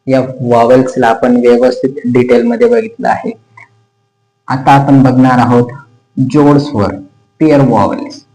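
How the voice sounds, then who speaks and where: A man's voice: mid-range voice, level tone, warm tone. A man with a Marathi accent teaching English pronunciation, repeating each word and asking the learners questions. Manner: slow, repeats words and asks questions to learners. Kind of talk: bilingual pronunciation lesson. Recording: echoey room with faint music.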